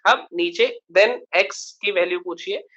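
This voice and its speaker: A man's voice: sits high, a little slow, pushed and bright. Male math teacher in a dull recording. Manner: explains step by step, often checks understanding. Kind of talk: live online lecture.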